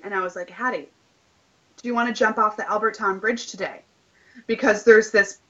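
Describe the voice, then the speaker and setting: A woman's voice: mid-range voice, bright, forceful tone, dull audio. A woman in her late twenties telling a story casually, full of fillers and acted-out quotes of what everyone said. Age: late 20s. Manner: chatty, lots of "like", acts out quoted dialogue.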